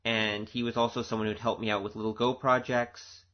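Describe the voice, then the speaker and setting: Talking a little fast in a lowish, even voice, a man plays an audio drama producer offering casual, sincere director's commentary in a chatty way. The audio is muffled and low-fidelity.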